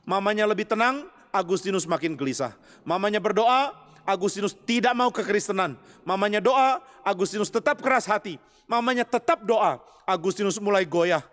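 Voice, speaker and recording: A man's voice: high-pitched, moderate pace, a bit bright, long reverb tail. A man, a pastor, preaching a storytelling sermon in a chapel, acting out the voices of the people he describes.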